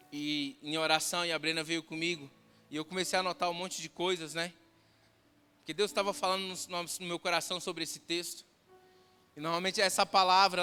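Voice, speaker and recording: Bright high-voiced Brazilian pastor preaching. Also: male voice, clear, resonant tone. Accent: Brazilian Portuguese. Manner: fervent, storytelling, often calls listeners "brother" and "dear". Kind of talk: sermon. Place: church hall with a congregation. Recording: reverberant church hall, music behind.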